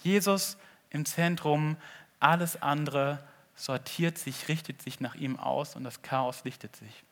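A man preaching a sermon in an earnest way, swinging between loud appeals and hushed asides. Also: a little high, measured pace. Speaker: pastor.

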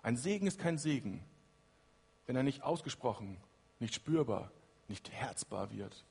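A man preaching a sermon in a lively way, moving between loud emphatic lines and hushed quiet ones. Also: medium pitch, a little slow, creaky, husky, big-room sound.

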